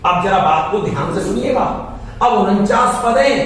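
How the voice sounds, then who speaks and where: A man's voice: high voice, animated, normal speed, far from the mic, noisy background. A man teaching math, working through exam problems step by step and repeating each number aloud as he calculates. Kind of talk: classroom lesson explaining exam problems. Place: coaching classroom. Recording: echoey room, voice off-mic, faint ambience.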